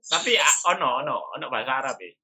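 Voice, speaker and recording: A man's voice: medium pitch, animated, rapid-fire, sharp tone, slightly rough, rough recording. A male interviewer who answers with brief reactions.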